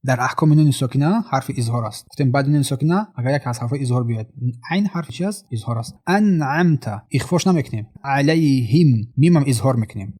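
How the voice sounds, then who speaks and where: A man with a Tajik accent teaching Quran recitation, stretching each recited word slowly and then explaining it quickly. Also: medium pitch, mellow, husky. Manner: drawn-out recited words between quick explanations. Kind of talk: tajweed lesson, slow recitation with explanations.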